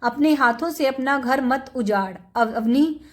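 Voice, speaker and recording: A woman's voice: high-pitched, unhurried. A woman voicing a stern elderly mother. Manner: admonishing, firm.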